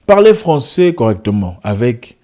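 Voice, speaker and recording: Big pitch swings mark this man's warm, medium-pitched voice, which moves at a moderate pace. An online video commentator, he speaks impassionedly to camera, restarting frequently and using rhetorical questions. His first language is an African language, not French.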